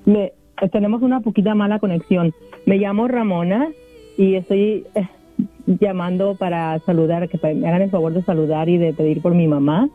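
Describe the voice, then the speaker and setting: An older woman calling in over a poor-quality phone connection, speaking earnestly and haltingly, with frequent restarts. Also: fairly even intonation, soft background music. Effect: poor-connection phone line. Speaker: caller. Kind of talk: call-in phone chat. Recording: tinny, low-quality phone line.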